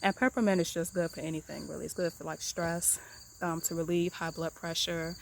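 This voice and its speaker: Low-voiced woman rambling through her garden. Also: brisk, creaky, a little hiss or hum. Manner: relaxed, rambling, many ums and repeated "really, really". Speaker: home gardener giving an herb tour. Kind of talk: casual garden tour vlog. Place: outdoor garden. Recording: outdoor recording with crickets chirping behind. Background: crickets and insects.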